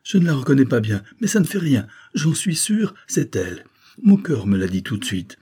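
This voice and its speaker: A man reading aloud voices a flustered, excitable middle-aged detective, exclaiming in a high, strained voice. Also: normal speed, husky, no echo, clean studio sound, heavily acted. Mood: overjoyed. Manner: indignant, exclaiming in high pitch.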